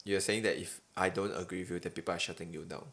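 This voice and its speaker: A man's voice: low voice, fairly even intonation, fast, a bit bright. A young adult man with a Singaporean accent in a casual podcast chat, using colloquial Singlish phrasing. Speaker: podcast host.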